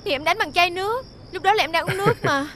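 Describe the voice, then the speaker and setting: A woman's voice: very high voice, fast talker, a bit bright, a little hiss or hum. An actress playing a chatty jobless young woman who tells her story.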